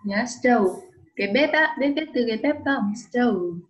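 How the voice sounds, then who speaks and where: A woman's voice: fairly high pitch, lively intonation, measured pace, rough recording. A woman teaching English online with a Vietnamese accent, patiently dictating and spelling words letter by letter. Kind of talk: slow dictation lesson for a child.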